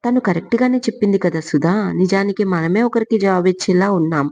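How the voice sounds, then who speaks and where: A woman voicing a kindly older man who gently coaxes his timid niece, in a dull lo-fi recording. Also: medium pitch, fast talker, no room sound, voice pushed up, natural voice. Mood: gentle. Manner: gentle, coaxing, soothing. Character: kindly indulgent older man, father and uncle.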